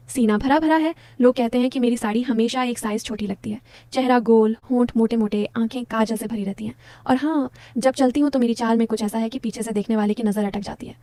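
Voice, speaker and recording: A woman's voice: a little high, mellow, no echo. A woman narrating a first-person story in an intimate, confiding way, talking straight to her listeners.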